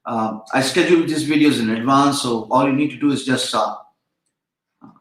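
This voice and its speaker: A chatty man with a medium-pitched, somewhat bright voice talks at normal speed during a casual live-stream lecture on online freelancing. His first language is Urdu. He rambles with frequent fillers and restarts, and the room is echoey.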